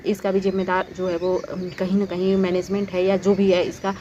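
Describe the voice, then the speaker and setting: Woman, earnest pleading commentary, lowish voice, many fillers and restarts, faint background noise. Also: monotone, brisk, mellow, lo-fi sound. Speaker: YouTube commentator on exams. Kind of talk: direct-to-camera commentary.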